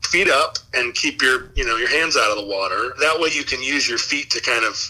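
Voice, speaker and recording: A man with a very bright, cutting voice talks as a guest on a call. He explains things casually, in halting stretches, at an ordinary male pitch. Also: low-quality recording. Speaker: guest giving advice by call. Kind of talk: casual chat.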